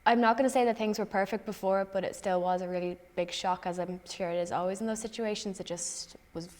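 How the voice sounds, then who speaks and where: Brief: young woman interviewee, composed, brisk flat delivery. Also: medium pitch, long reverb tail. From Ireland. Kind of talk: documentary interview.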